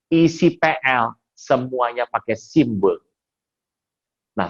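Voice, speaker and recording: Lively storytelling male pastor. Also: medium pitch, highs cut off. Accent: Indonesian. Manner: animated storytelling, acts out quoted voices; colloquial, jokes with the congregation. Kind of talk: sermon.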